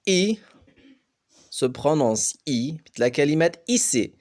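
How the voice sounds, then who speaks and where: A man teaching French pronunciation, spelling words out slowly letter by letter. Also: on the high side, big pitch swings, a little mellow. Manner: slow, deliberate letter-by-letter spelling. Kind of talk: pronunciation lesson.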